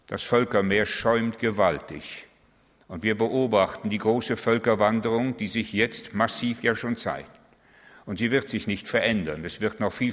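Preacher with a long hall reverb. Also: male voice, medium pitch, fairly bright tone. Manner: emphatic, swelling on key phrases, rhetorical questions. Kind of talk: sermon.

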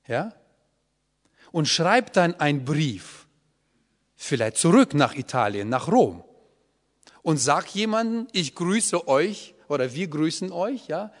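A man teaching a Bible study to a group, explaining patiently and often checking in with a questioning "ja?". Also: a little high. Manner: explanatory, often asks the audience "ja?". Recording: long hall reverb.

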